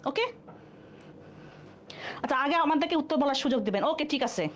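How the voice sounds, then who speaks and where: High-voiced woman teaching a live class. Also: lively intonation, moderate pace, a little hiss or hum. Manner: explains step by step, asks and answers own questions. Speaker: online exam-prep teacher. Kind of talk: live online class lecture.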